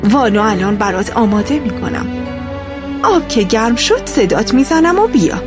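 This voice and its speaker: A woman's voice: fairly high pitch, big pitch swings. A woman voicing a caring, worried mother who fusses and soothes, with music underneath. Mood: soothing. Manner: fussing, soothing.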